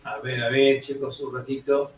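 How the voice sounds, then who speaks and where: A male teacher lecturing a class, halting and restarting often and checking in with "ok?" as he goes. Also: medium pitch, little pitch movement, slight background noise. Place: echoey classroom. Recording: roomy classroom audio, mic far off.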